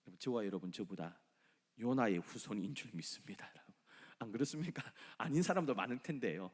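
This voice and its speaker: A middle-aged man with a Gyeongsang Korean accent preaching a sermon as pastor, with animated delivery and dramatic quoted voices. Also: on the low side, fast talker, breathy edge, big-room sound. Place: church sanctuary.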